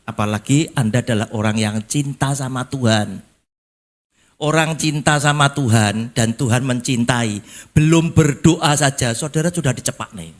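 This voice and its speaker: Older male pastor, East Javanese accent, animated folksy sermon delivery with sharp jumps from hushed to high and loud. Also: normal speed. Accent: East Javanese (Surabaya). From East Java, Indonesia. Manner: animated preaching, swinging from low quiet lines to sudden high emphatic calls; folksy, slipping into local Javanese phrases.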